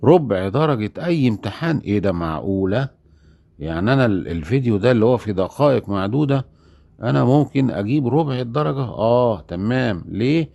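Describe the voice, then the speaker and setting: Egyptian male language teacher, gravelly voice, dry close sound, plays both sides of short dialogues. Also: medium pitch, animated, quick pace, warm tone, dry recording, highs cut off. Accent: Egyptian Arabic. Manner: acts out little dialogues, asks and answers himself. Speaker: German teacher. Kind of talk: lively teaching monologue.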